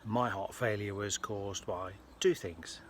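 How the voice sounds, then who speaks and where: Low-voiced British man vlogging. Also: takes it slowly, fairly bright tone. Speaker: health vlogger. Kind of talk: casual personal vlog to viewers. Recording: faint ambient background noise.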